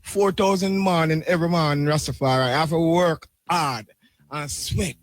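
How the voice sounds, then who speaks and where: A man's voice: a little high, normal speed, no room sound, clean studio sound. A middle-aged or older Jamaican man testifying in Rastafarian speech, with devotional greetings and repeated tags.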